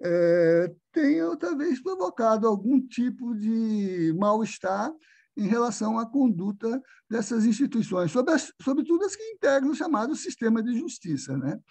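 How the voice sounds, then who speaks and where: An older Brazilian man giving an academic lecture over a video call, speaking slowly and hesitantly with many fillers. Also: very high voice, very animated, vocal fry, darkish tone.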